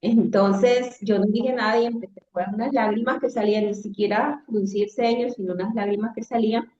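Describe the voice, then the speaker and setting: A woman with a Caribbean Spanish accent tells a personal story conversationally, in halting phrases with some repetition. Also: a little high, steady tone, warm tone, a little hiss or hum. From Caribbean coast of Latin America. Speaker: guest telling a personal testimony. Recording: roomy echo, slightly dull sound.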